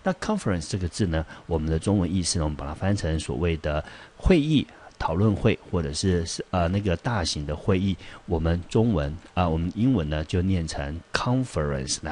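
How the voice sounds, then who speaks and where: A low-pitched man with a Taiwanese Mandarin accent walks students through English vocabulary for an exam. He explains patiently and repeats each word, with many fillers along the way. A faint hiss sits under the recording. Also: a little mellow. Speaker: English teacher.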